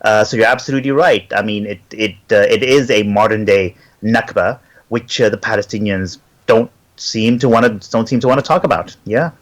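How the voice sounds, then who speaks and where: A man's voice: fairly low pitch, a little fast. A middle-aged man from Syria, a native Arabic speaker, answering interview questions and telling his story fluently with frequent "uh" fillers. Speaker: interview guest. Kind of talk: remote interview, conversational.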